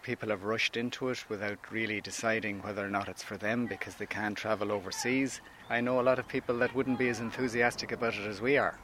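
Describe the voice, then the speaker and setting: A man's voice: fairly low pitch, fairly even intonation, quick pace, a bit bright. A man from Galway with a west of Ireland accent, giving casual interview answers. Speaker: camper van holidaymaker interviewed. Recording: faint outdoor background noise.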